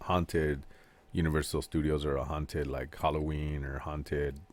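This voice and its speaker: A man's voice: very deep voice, level tone, measured pace, darkish tone. A man co-hosting a casual podcast, trading jokey, profane banter. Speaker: podcast co-host. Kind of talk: casual chat.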